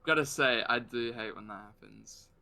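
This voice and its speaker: A man's voice: mid-range voice, moderate pace, crowd noise. An Australian man co-hosting a casual chat while drawing, with dry, jokey asides. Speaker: co-host.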